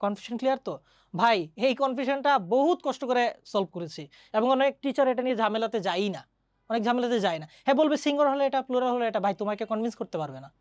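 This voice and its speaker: Woman teacher, rapid chatty delivery, fairly high voice, dry close sound. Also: expressive, darkish tone, no echo. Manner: fast, chatty, keeps asking students questions; mixes English grammar terms into Bengali. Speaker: English grammar teacher. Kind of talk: online exam-prep lesson.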